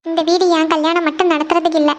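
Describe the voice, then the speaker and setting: A woman's voice: extremely high pitch, flat delivery, fast. A woman voicing a worried, earnest young granddaughter in a family cartoon, who talks in a pleading, emotional way. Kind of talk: cartoon voice acting.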